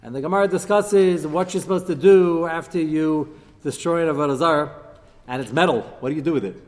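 A man's voice: on the high side, brisk. Man lecturing on Talmud in a reverberant hall. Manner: question-and-answer teaching, weaving Hebrew terms into English. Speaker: rabbi giving a Torah class. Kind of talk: religious lecture, Talmud discourse. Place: large echoing room with listeners present.

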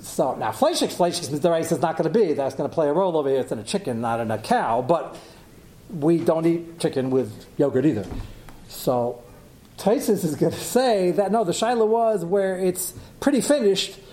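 A man's voice: on the high side, normal speed, mellow. A man giving an informal Talmud lecture, explaining with rhetorical questions and asides and mixing Yiddish and Hebrew terms into his English. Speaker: rabbi teaching a Talmud class.

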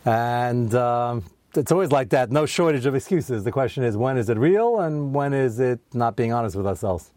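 A man's voice: mid-range voice, expressive, normal speed, darkish tone, dry recording. A man teaching a Torah study class, talking conversationally and acting out people's excuses in a raised voice.

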